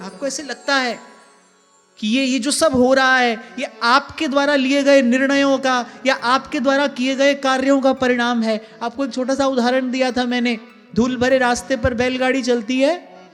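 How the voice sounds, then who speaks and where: Earnestly repeating key phrases, a male spiritual teacher gives a devotional sermon interspersed with sung verses. His voice is very high-pitched and a bit bright, with fairly even intonation and a moderate pace. The large hall adds long reverb, with faint music underneath.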